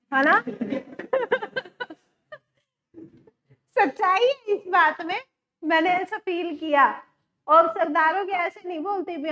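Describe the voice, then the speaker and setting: A woman's voice: high voice, lo-fi sound. A woman teacher giving a chatty classroom lecture and telling her students stories. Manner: chatty, addresses students as beta.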